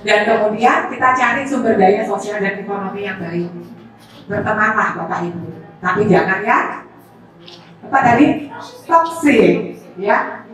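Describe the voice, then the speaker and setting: A woman's voice: medium pitch, expressive, unhurried, pauses often, a bit bright. A woman giving a seminar talk to parents, chatty, addressing them often with tag questions. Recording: echoey room, voice far from mic.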